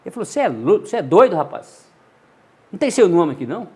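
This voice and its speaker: As an interview guest, a husky-voiced older journalist and radio narrator from Montes Claros, Minas Gerais, tells anecdotes in a casual storytelling chat with a Minas Gerais Brazilian Portuguese accent. His voice sits high and his delivery is brisk and animated, acting out dialogue in different voices.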